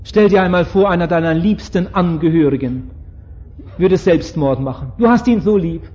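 A male preacher with a notably high voice delivers a fervent sermon, pleading with his listeners and slowing to a solemn hush for scripture quotes. The recording sounds dull and lo-fi.

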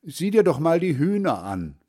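A man voicing a kindly old grandfather who is hard of hearing, speaking loud and slow in a storybook reading. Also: on the high side, very animated, breathy edge, voice pushed up. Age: older.

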